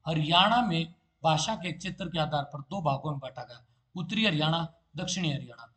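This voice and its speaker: A man's voice: fairly high pitch, expressive, fairly quick, fairly bright tone. Man teaching with self-answered questions. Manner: asks a question and answers it himself, "ठीक है" filler. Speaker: competitive exam teacher. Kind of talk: exam-prep lecture.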